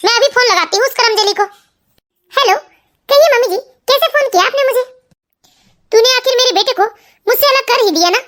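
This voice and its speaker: A woman voicing a bossy, accusing middle-aged mother-in-law in an animated family story. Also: extremely high pitch.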